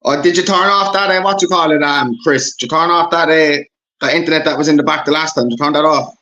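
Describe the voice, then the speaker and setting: A man's voice: fairly high pitch, fast talker, sharp tone. A man joining a casual online voice chat over a bad connection that makes him sound distant. He repeats himself as he sorts out his audio. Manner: calls names and repeats himself while fixing his audio.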